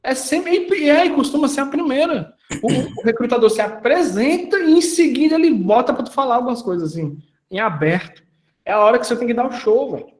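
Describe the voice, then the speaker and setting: Brief: male mentor, higher-pitched voice, lively and slangy, quizzes his listeners. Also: a little fast, echoey room. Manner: animated, slangy, asks the audience questions. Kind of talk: casual mentoring talk.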